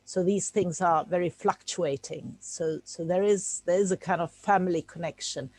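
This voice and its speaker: Her pitch is fairly low and a little mellow, and she talks at a normal speed. She is a Czech-speaking woman from Czechoslovakia, a guest on a video call giving an informal talk that's hesitant and riddled with fillers and restarts.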